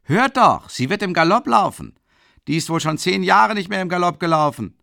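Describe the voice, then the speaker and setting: A man voicing a young male peasant in a crowd, jeering in a shrill, high, mocking voice. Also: lively intonation, normal speed, vocal fry, pushed and bright, exaggerated voice. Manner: shrill, laughing and mocking, far higher than the narration.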